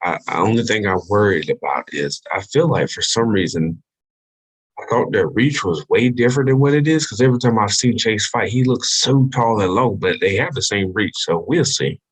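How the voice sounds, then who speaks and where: A man's voice: fairly low pitch, animated, normal speed, husky, rough recording. A man co-hosting a casual fight podcast, joking and playful in an easygoing way. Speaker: podcast co-host. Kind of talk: casual sports chat.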